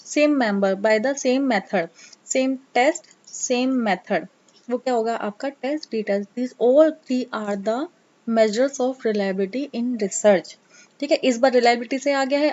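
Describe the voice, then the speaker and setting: Casual exam-prep teacher, a woman, teasing and coaxing, higher voice, muffled audio. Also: darkish tone. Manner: chatty, coaxing, teasing students; mixes English terms into Hindi. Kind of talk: casual Hindi lecture. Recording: dull lo-fi sound.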